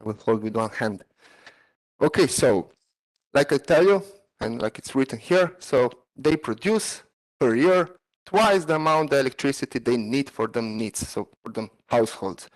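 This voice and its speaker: A man, a PhD student, giving an online seminar talk over a video call, halting with many fillers and non-native phrasing. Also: mid-range voice, animated, low-quality recording.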